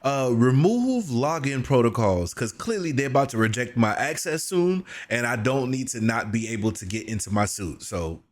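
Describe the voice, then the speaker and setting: A man's voice: mid-range voice, expressive, moderate pace, hardly any pauses. A man hosting a reaction video, commenting in a casual, conversational way with plenty of slang.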